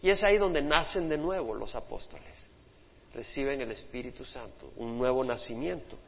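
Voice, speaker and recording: A man's voice: medium pitch, normal speed, creaky. Male preacher, passionate sermon delivery, muffled lo-fi recording. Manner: impassioned preaching, voices quoted speakers. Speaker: pastor. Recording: dull lo-fi sermon recording in a reverberant hall.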